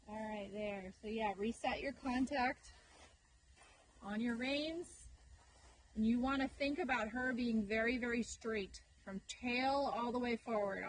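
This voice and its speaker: A woman with a somewhat high voice coaches a horse rider mid-lesson. She gives brisk, projected commands in short, repeated phrases. Faint ambient noise surrounds her, and the voice can sound a little distant. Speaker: horse riding instructor. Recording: noisy ambience, voice sometimes distant.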